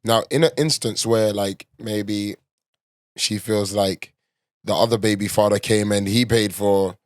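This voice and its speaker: A man with a low-pitched London roadman accent chats casually and gives his opinions. His speech is full of street slang and swearing, and the sound is close and dry. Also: fairly even intonation, unhurried, no room sound. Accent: London, urban street. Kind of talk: casual panel chat, opinionated.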